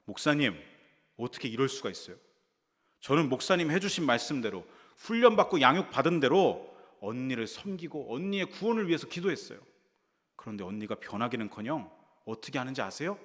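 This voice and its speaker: A male pastor voicing an indignant young woman complaining to her pastor, in a high, strained, aggrieved tone. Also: big pitch swings, fairly quick, fairly bright tone. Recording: reverberant church hall.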